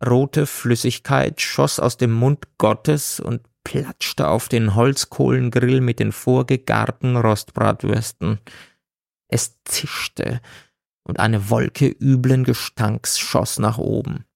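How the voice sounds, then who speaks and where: Slow gravelly male storyteller. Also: medium pitch, fairly even intonation, a little mellow, no room sound, studio quality. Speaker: narrator. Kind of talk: audiobook reading.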